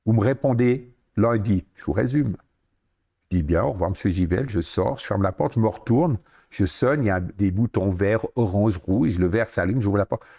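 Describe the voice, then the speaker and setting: A man in his sixties with a Swiss French accent, a podcast guest telling lively anecdotes and acting out the dialogue he quotes. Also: fairly low pitch, moderate pace, gravelly. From Switzerland. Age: 60s. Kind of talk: storytelling interview.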